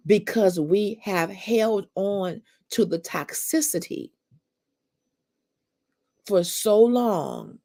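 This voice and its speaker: A woman's voice: lowish voice, creaky, darkish tone. A middle-aged woman hosting a faith-based talk show, speaking in an emphatic, preacherly way and calling listeners sisters. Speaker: podcast host.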